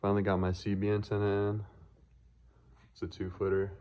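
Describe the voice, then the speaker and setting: Showing off his truck modifications in a casual handheld vlog, this man talks in a relaxed, unscripted, offhand way. His voice is lowish and darkish, delivered in a monotone at a fairly quick pace.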